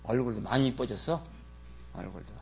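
A male pastor delivering a sermon in church, telling stories with lively swings between low muttering and loud scolding. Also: a little fast, vocal fry, slight background noise.

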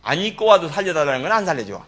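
A pastor preaching a sermon in an animated, folksy way. He speaks to the congregation with dialect asides. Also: fairly high pitch, rapid-fire. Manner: animated, acts out Bible figures in dramatic voices.

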